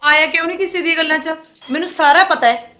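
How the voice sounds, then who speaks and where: A young woman playing a sharp-tongued, quarrelsome young wife in a family short film, firing back fast retorts. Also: very high voice, faint music behind. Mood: complaining.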